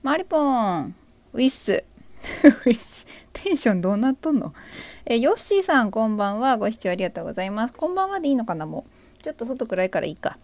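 A woman's voice: on the high side, very animated, quick pace. A woman hosting a casual live audio stream, greeting listeners by name, reading their comments aloud and joking about herself. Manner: bubbly, self-deprecating, greets listeners by name. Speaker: livestream host.

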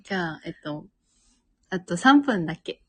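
A woman's voice: on the low side, lively intonation, moderate pace, fairly bright tone, breathy edge, no room sound. A woman in her twenties with a Miyazaki dialect, co-hosting a casual chat podcast, talking freely and laughing often. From Miyazaki, Japan. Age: 20s. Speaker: podcast co-host.

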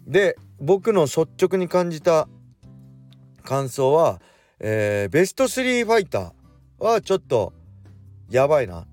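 A man's voice: mid-range voice, darkish tone. Guy in his 40s chatting alone on his radio show, voice bounces up and down a lot, faint music under it. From Japan. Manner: speeds up as he talks, with self-corrections. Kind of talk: casual solo radio talk.

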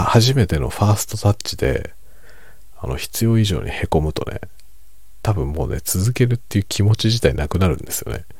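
A middle-aged man chatting quietly late at night over a drink, in a hushed, unhurried, musing and self-deprecating way. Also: deep voice, no room sound. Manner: relaxed monologue while drinking alcohol. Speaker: streamer.

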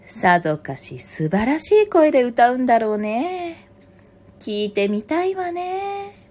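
A woman voicing a sly mother fox in a picture-book reading, with sweet, drawn-out flattery. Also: high voice, voice pushed up, full character voice. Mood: flattering. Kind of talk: picture-book read-aloud.

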